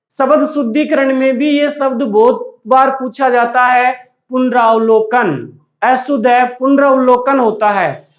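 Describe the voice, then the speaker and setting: A man teaching a grammar lesson to a class, asking questions and answering them himself and repeating the key words. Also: very high voice. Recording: dull, echoey room recording.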